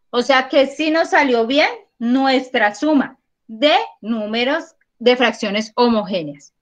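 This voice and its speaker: A woman teaching a primary school math class over a video call, patient and encouraging, counting aloud slowly. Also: a little high, a bit bright, dull audio. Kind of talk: online class. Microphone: computer mic on a video call.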